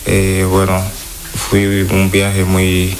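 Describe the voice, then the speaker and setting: Hesitant man from Senegal, slow. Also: low-pitched, monotone. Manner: hesitant, halting non-native Spanish. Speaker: interviewee. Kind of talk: street interview.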